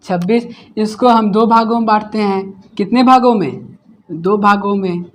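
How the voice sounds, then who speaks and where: A man teaching English grammar in a class, asking each question and then repeating the answer himself. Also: sits high. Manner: explains slowly, step by step. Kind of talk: classroom lesson.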